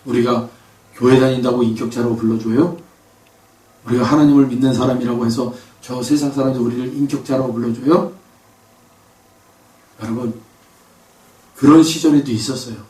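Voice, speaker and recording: A man's voice: medium pitch, fairly even intonation, normal speed, long pauses, a little mellow. A male pastor preaching a sermon, emphatic, with rhetorical questions and bursts of raised voice. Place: church sanctuary. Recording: echoey church hall from far off.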